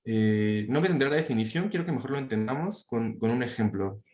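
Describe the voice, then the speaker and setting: A man's voice: mid-range voice, fast talker, a little mellow. A young man lectures a class in an informal, talkative way, often stopping on fillers and tag questions. His voice sits in a middle register. The sound carries noticeable room echo. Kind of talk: university talk on inclusive language.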